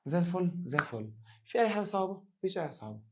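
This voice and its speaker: There's background noise as a male science teacher races through an animated exam revision lesson in a hoarse voice that sits high. He has an Egyptian Arabic accent and acts out the questions his students might ask.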